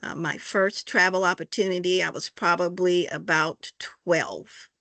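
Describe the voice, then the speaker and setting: An older woman from Arkansas, answering in a halting, folksy way with many fillers. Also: lowish voice, fairly even intonation, bright, forceful tone, no echo. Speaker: interviewee, church member. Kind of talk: casual conversation.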